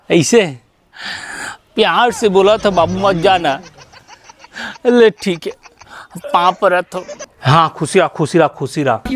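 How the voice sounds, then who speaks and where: A man's voice: fairly high pitch, a little hiss or hum. A man with a Chhattisgarhi accent, playing a fatherly, coaxing elder in a comedy sketch. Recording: music playing behind.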